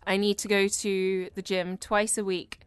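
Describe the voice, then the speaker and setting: A woman's voice: medium pitch, level tone, measured pace, clear, resonant tone, dry recording. A young woman from the UK chatting casually with a friend, laughing often and swearing now and then. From United Kingdom. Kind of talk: casual chat.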